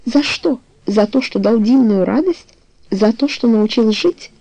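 A woman's voice: fairly high pitch, animated, unhurried, warm tone, dry recording, poor audio. A woman voicing a young woman in love in a storybook reading, pleading and tender.

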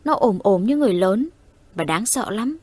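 A woman narrating a horror audio story in a steady, suspenseful way. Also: mid-range voice, moderate pace, breathy edge, no room sound.

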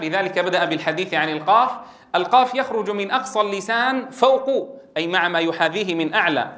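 Male tajweed teacher, high-pitched, patient explainer who drills syllables aloud. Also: echoey room. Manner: explains slowly, then demonstrates sounds with loud repeated syllable drills. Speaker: Quran recitation teacher. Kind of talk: tajweed lesson with spoken drills.

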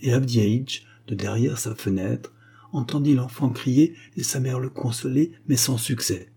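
A man narrating a classic story in a calm, measured way. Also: medium pitch, creaky, husky. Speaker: audiobook narrator.

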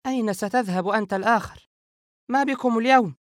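A man's voice: extremely high pitch, fast, no room sound, studio quality, voice pushed up. A man voicing an older woman, a grandmother who teases her brothers and frets over them in an audiobook. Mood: grumbling. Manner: teasing, then anxious and insistent. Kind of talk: audiobook character voice.

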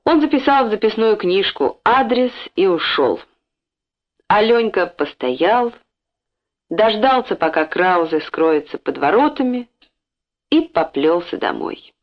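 A woman narrating a children's story in an expressive storytelling way, in a dull lo-fi recording. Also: mid-range voice, measured pace. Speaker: audiobook narrator.

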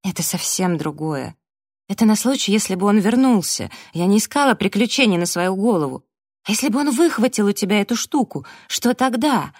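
An audiobook reader voicing a young woman who is frightened and angry, breaking into sharp, rising outbursts. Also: low voice, moderate pace, no room sound, studio quality. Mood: furious.

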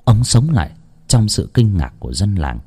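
Expressive male ghost-story narrator. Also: moderate pace, slightly rough. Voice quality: expressive, varied in pitch. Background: faint music.

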